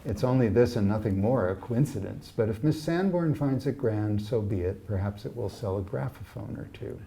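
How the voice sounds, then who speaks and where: A reserved young saleswoman, polite and wry, who chooses her words with care, as read by a man in his own low, mellow voice. The voice stays close to the reader's natural register. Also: normal speed, creaky. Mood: guarded dry. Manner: guarded, polite, dry.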